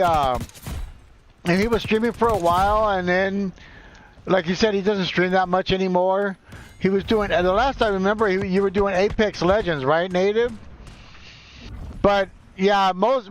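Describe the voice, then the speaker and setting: A man in his forties chatting casually and haltingly while live-streaming a game, rambling and self-deprecating. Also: high-pitched. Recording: dull lo-fi, dry sound.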